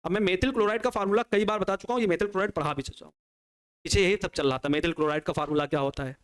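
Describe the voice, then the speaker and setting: A man's voice: high-pitched, rapid-fire, clear, resonant tone. A man teaching a chemistry class online, working through reactions step by step and answering his own questions for the students. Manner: explains step by step at a working pace. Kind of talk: online exam-prep lecture.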